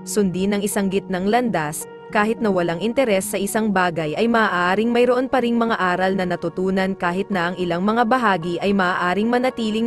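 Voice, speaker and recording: A woman narrating daily horoscopes in a measured, formal reading style. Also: mid-range voice. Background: faint background music.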